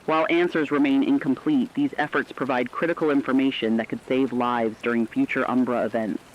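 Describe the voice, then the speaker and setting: A man with an average-pitched voice, close to his everyday one, plays a serious radio reporter reading a fictional catastrophe bulletin. His scripted narration is measured, with fairly even intonation. The dull, lo-fi sound has rain and slight noise in the background.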